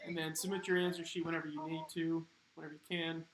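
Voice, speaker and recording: Upbeat high-voiced man hosting trivia. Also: little pitch movement, fast, echoey room, a little hiss or hum, rough recording. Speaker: trivia host. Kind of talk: hosting a live-streamed trivia game.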